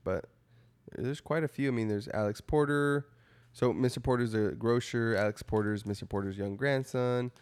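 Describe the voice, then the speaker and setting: A podcast co-host in relaxed, casual chat, trading crude, teasing jokes. The voice sits at a middle pitch. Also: moderate pace.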